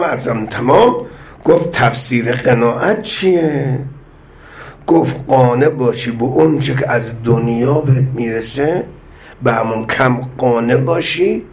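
A man preaching a sermon, speaking slowly and with measured weight, and acting out the voices of the people in the stories he tells. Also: medium pitch. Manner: slow, measured delivery, voicing the people in his stories. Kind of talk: sermon with storytelling.

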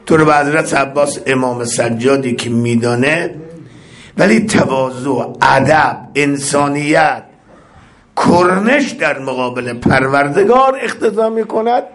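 A man preaching a religious sermon in a mid-range voice. He chants lines of Arabic prayer and explains each one, and his voice climbs into fervent, ringing cries as phrases repeat. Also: fairly bright tone. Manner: recites Arabic prayer lines, then explains them in Persian; builds to impassioned high-pitched cries on repeated phrases.

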